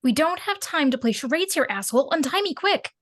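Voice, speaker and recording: A woman's voice: high-pitched, very animated, a little fast, no room sound, studio quality. A woman playing a brash, impatient, foul-mouthed captive wife in a script read. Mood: urgent, impatient. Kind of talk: table read of a film script.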